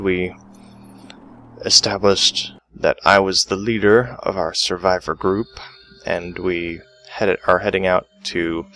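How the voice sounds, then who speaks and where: A man hosting a let's play, reading game text aloud and reacting with sudden excited outbursts. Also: low-pitched, creaky. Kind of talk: casual gameplay commentary.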